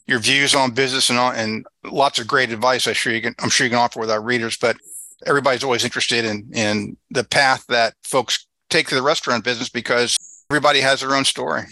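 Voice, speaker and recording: A man's voice: mid-range voice, steady tone, fast, sharp tone, dry recording, rough recording. A man co-hosting a podcast as a magazine editor, asking rambling questions with repeated words.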